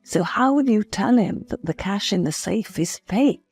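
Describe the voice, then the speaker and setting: A woman's voice: medium pitch, lively intonation, moderate pace, a little mellow, husky, faint music behind. Woman playing a blunt, worried mum. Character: worried, blunt older mother.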